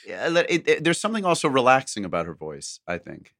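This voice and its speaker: A man's voice: medium pitch, huge pitch swings, quick pace, a bit bright. A man hosting a podcast, musing in a reflective, hesitant way. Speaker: podcast host. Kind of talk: casual podcast chat.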